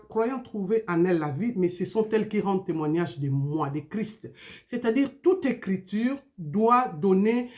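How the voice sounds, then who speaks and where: Lively woman preaching. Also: medium pitch. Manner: animated, full of rhetorical questions and tag "hein?". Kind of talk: informal video sermon.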